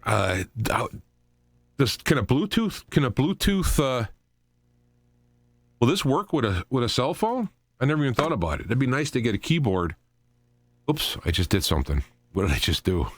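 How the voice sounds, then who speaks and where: Hosting a solo talk radio show, a man with a mid-range, very animated voice speaks off the cuff. He halts and rambles, frequently repeating and restarting phrases, and there's no room sound.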